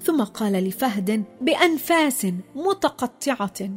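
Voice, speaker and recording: A woman narrating a children's story, expressive and dropping low in the sad parts. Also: a little slow, slightly rough, soft background music.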